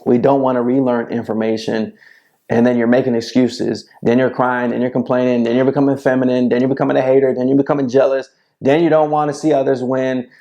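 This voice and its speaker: A man in his thirties delivers a direct-to-camera motivational talk, speaking into a lapel mic in a small room. His voice sits at a medium pitch with a gravelly, fry-laced edge. He talks in a preachy, repetitive way, often tossing in "bro". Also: flat delivery, fast, dark tone, lo-fi sound. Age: 30s. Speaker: men's self-help video host. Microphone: lapel mic clipped to shirt.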